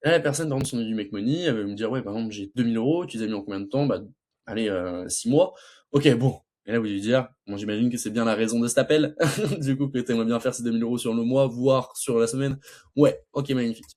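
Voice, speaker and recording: A young man coaches sales closing in a casual teaching monologue, stuttering and restarting often and acting out both sides of a sales call. He talks fast, with a medium-pitched, slightly mellow voice.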